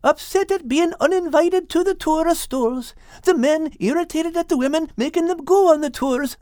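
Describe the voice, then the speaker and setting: A man's voice: very high voice, moderate pace, a little mellow, no room sound, studio quality, voice pushed up. A man doing a lilting Scots-furry fellow. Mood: earnest. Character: good-natured hungry male furry animal.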